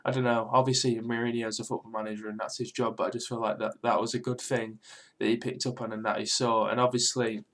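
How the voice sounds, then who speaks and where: A young British man with a sore throat talking quietly but clearly in a casual, rambling, sweary football reaction vlog. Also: medium pitch, flat delivery, fast talker. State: mildly ill with a sore throat. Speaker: football fan video host.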